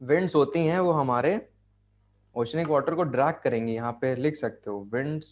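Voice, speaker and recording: A man's voice: mid-range voice, moderate pace. A man with an Indian accent leads a geography class over a video call. He talks in a patient, repetitive way, restating each term and stopping to ask whether everyone has understood. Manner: explains step by step, repeats key phrases, checks understanding. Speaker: geography tutor. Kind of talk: online class lecture.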